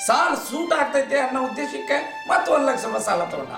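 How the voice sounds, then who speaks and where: An actor playing a humble, indebted farmer who pleads deferentially in a North Karnataka Kannada accent. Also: male voice, very high-pitched, very animated, quick pace, gravelly, full character voice. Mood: arguing. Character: poor, humble farmer in debt. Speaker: struggling farmer. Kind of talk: village short film acting. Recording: roomy distant mic with music.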